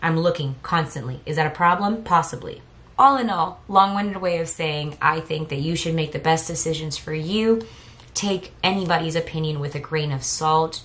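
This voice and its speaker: A woman's voice: low voice, a bit bright. A woman chatting casually through a fragrance haul review, rambling and correcting herself as she goes. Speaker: fragrance vlogger. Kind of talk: casual product review chat.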